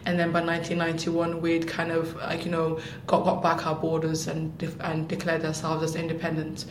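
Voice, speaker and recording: A woman from Somaliland speaks as an interview guest, explaining things in a steady, fairly flat voice with frequent pauses and fillers. Her voice sounds roomy and echoey, with a faint rumble underneath. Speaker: guest, social activist.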